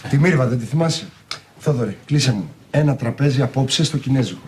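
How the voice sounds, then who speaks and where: A man's voice: medium pitch, darkish tone, slight background noise, close to an everyday voice. An actor playing a flirtatious, brash man who teases his friends in a TV series. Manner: teasing, brash. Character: flirtatious womanizing businessman, playful. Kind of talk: TV series acting.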